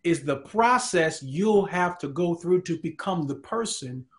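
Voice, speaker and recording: A male host of a faith talk show speaks in an emphatic, preacherly way. He turns to the audience as he makes his points, and his voice sits a little high for a man. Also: expressive, measured pace.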